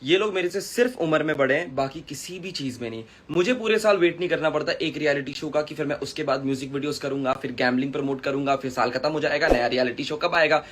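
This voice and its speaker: A man's voice: a little high, fast talker, hardly any pauses, fairly bright tone. A man in his twenties on a live stream, ranting in a combative, boastful and crude way, often switching into English phrases. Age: 20s. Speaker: content creator.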